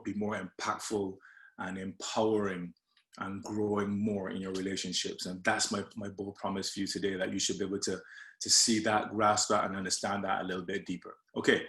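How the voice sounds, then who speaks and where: A man's voice: on the low side, a bit bright, echoey room. A man from Barbados, a coach giving a friendly leadership presentation with slides, often hesitating with fillers and restarts.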